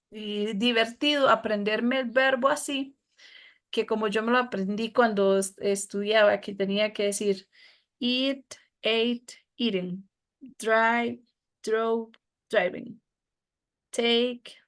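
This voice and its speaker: A woman's voice: fairly high pitch, a bit bright. A woman teacher with a Costa Rican Spanish accent, explaining a lesson patiently to her students. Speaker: English teacher.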